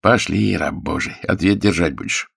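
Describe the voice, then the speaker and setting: A man voicing a gruff but kindly male jail guard who chides in a raised voice. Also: sits low, normal speed, fairly bright tone, no room sound, clean studio sound, exaggerated voice. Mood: chiding.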